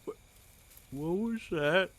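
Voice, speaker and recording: An actor voicing a gentle, generous young turtle who speaks politely and softly. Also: medium pitch, takes it slowly.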